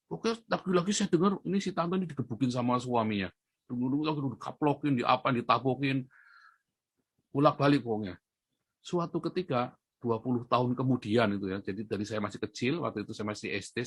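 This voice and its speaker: A male pastor preaching a sermon, telling a story and rising to loud, high emphatic peaks before dropping to soft asides. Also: no room sound, studio quality.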